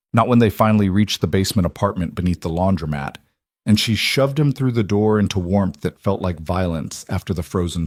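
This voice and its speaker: Low-voiced male audiobook narrator. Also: no echo, clean studio sound. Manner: measured, dramatic storytelling.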